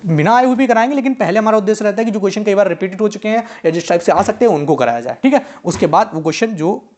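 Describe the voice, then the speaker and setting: A male teacher running an exam-prep grammar lesson, drilling students with quick repeated questions and answers. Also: high voice, a little mellow. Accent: Hindi-belt Indian.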